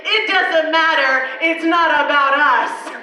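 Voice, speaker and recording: A woman's voice: high-pitched, slow pace, a crowd in the background. A woman pastor telling a personal story in a sermon at a women's conference, chatty and often laughing. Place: conference hall. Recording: echoey hall mic from far off.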